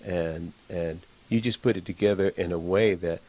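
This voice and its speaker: Deep-voiced rambling male co-host. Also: fairly even intonation, normal speed, darkish tone. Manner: rambling, filler-heavy. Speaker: podcast co-host. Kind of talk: casual interview chat.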